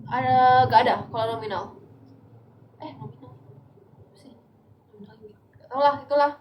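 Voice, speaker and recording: A woman's voice: high voice, moderate pace, highs cut off, a little hiss or hum. Tired, chatty young woman live-selling. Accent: Indonesian. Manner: chatty, pleading viewers for likes and gifts. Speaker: live-stream seller. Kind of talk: casual live-selling chat.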